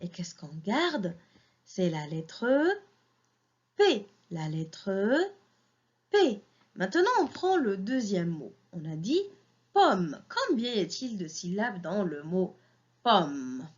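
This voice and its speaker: A woman teacher giving a slow phonics lesson to young children, sounding out syllables and praising them. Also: mid-range voice, big pitch swings. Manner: slow, clearly syllabled, encouraging teacher talk. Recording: dull lo-fi recording.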